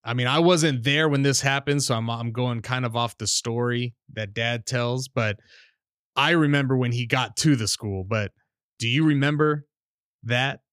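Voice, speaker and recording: A man's voice: mid-range voice, normal speed, no room sound, studio quality. A man hosting a podcast, telling childhood family stories in a casual chat and acting out the voices of the people he quotes. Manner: animated storyteller, acts out quoted voices. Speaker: podcast host.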